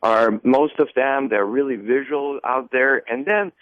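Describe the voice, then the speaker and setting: A man's voice: mid-range voice, unhurried, a bit bright, no echo. Man, Austrian accent, radio guest, phone-line audio, dry sound, eager rambling answers, lots of fillers. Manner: long, enthusiastic answers with many fillers and restarts.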